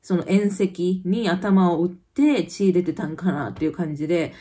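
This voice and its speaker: A woman's voice: fairly low pitch, moderate pace. Thirties woman, Kansai accent, casual vlog storyteller. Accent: Kansai Japanese. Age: 30s. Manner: chatty storytelling with lively quoted voices. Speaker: vlogger. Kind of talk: casual chat. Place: home in Copenhagen.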